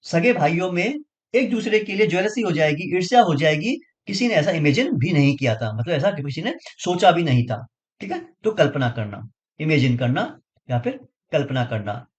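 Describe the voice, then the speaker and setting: A man teaches exam vocabulary, drilling memory tricks and checking in with his students again and again. His voice sits high and swings widely in pitch, giving the lesson a lively, animated lilt. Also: moderate pace. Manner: explains with repeated memory tricks, frequent checking questions.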